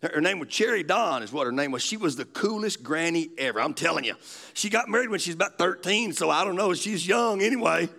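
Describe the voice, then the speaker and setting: A man's voice: high-pitched, lively intonation, quick pace, creaky, bright, forceful tone. A man, preaching a sermon in a folksy storytelling way. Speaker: pastor.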